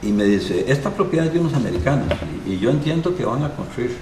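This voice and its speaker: Speaking fast in a mid-range voice, this older Costa Rican man is a guest at a live interview show, spinning a long story and voicing each character's lines with gusto. The audio comes across distant and roomy, with noise behind him.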